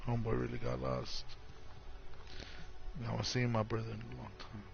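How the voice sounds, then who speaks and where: A drunk man with a gravelly voice rambles reflectively in loose, sweary street slang, like a streamer talking casually to viewers. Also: medium pitch, little pitch movement, normal speed. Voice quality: gravelly, fry-laden voice. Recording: dull lo-fi mic, music behind. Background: music.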